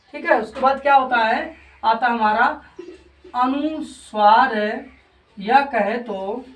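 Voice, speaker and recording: Slow, echoey woman teacher explaining grammar. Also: on the high side. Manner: slow, repetitive, keeps asking and answering her own questions. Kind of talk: Hindi grammar lesson. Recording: echoey room, voice from a distance.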